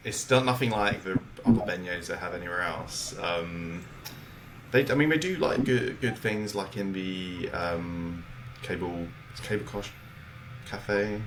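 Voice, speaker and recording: A British man with a very deep voice talks in a loose, halting way, full of fillers and restarts as he chats. A faint hiss of background noise sits under him. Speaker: podcast co-host. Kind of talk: casual chat.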